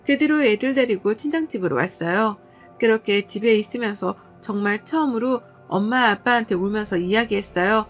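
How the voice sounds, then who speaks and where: A woman's voice: mid-range voice, fairly quick, soft background music. A woman in her thirties narrating a personal family conflict, indignant and firm. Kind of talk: dramatized storytelling with dialogue.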